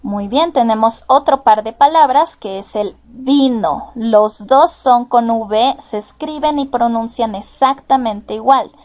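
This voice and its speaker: A woman with a Mexican accent giving a slow, careful lesson, patiently repeating each example sentence. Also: on the high side, a little mellow. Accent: Mexican Spanish. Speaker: teacher. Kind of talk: slow, careful classroom explanation.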